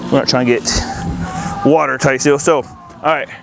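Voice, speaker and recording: A man with vocal fry speaks in a steady tone at normal speed over music. Hosting an installer's video channel, he explains things casually while doing hands-on work in a yard. Outdoor noise and ambient rumble come through as well.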